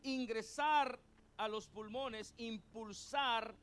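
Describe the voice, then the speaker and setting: High-voiced man preaching a sermon. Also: steady tone, fairly bright tone. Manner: call-and-response teaching, has the congregation repeat terms; spells out words letter by letter and repeats points slowly. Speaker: pastor.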